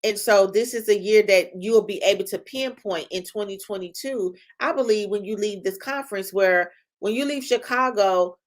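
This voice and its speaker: A woman's voice: medium pitch, moderate pace, hardly any pauses. A middle-aged woman who leads a publishing company, giving an emphatic motivational talk that repeats phrases and checks in with "right?".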